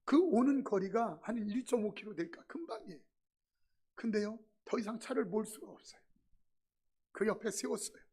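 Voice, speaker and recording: Husky high-voiced pastor preaching. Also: male voice, lively intonation, normal speed. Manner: dramatic storytelling, acting out prayers and dialogue, swinging from loud to hushed. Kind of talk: sermon.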